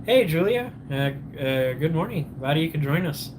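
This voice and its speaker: A man on a casual morning livestream, talking over his coffee with a slightly high voice. He rambles, doubles back and restarts his sentences while greeting viewers by name. A clear layer of room noise sits under everything. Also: lively intonation, a little slow. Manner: rambling, loses his train of thought, restarts often. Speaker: livestream host.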